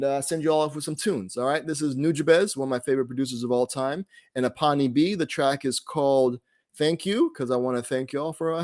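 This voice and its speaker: A man with a fairly high, slightly bright voice hosts a live online group casually, talking off the cuff. He rambles in a laid-back way and often trails off mid-thought.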